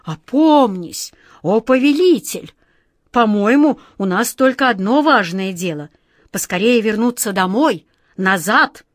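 A woman's voice: on the high side, animated, dry recording, studio quality. A woman voicing a frightened, whiny male genie who pleads in a trembling voice, for an audiobook. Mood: pleading, fearful. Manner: trembling, pleading, slow drawn-out wails. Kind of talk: audiobook reading.

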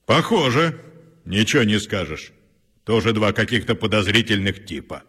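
An actor playing a huge, boastful jerboa guard in a children's audio story, loud and thunderous, brash and commanding. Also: male voice, fairly low pitch, big pitch swings, moderate pace, slightly rough, full character voice. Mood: cocky. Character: huge boastful acrobatic jerboa, cocky self-appointed guard. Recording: long hall reverb.

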